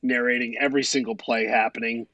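Animated, rambling male sports podcaster. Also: mid-range voice, fast, no echo, lo-fi sound. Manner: rambling, profane, animated storytelling. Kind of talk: casual chat.

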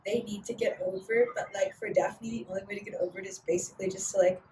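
A woman's voice: mid-range voice, steady tone, fast talker, dark tone, distant mic, slight background noise, low-quality recording. A young woman co-hosting a podcast, chatting casually and bluntly with lots of fillers. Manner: blunt, opinionated, many fillers. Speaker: podcast co-host. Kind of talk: casual chat.

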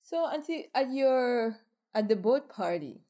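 Woman interviewer, casual and affirming; quickens when making points. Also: fairly high pitch, lively intonation, dark tone.

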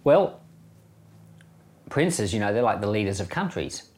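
Here a middle-aged Australian pastor hosts a Bible podcast, chatting plainly and conversationally, chuckling now and then. His voice is fairly low and a little mellow, very animated, and slightly slow.

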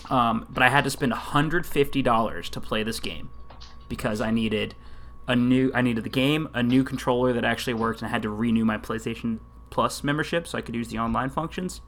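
A man co-hosting a podcast, talking in a relaxed, rambling way. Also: mid-range voice, fairly quick. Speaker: podcast co-host. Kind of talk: casual chat.

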